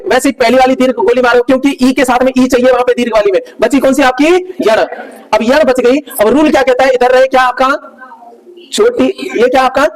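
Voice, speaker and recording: In a rough recording, a very high-pitched male teacher goes over grammar rules one step at a time. Again and again, he checks with the class whether they're following along.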